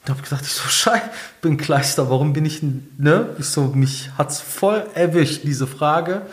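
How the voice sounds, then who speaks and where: A man's voice: a little high, moderate pace. A man casually telling a personal story, acting out quoted dialogue in changing voices, colloquial with lots of fillers. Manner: colloquial, many fillers and "ich so". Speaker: guest telling his life story.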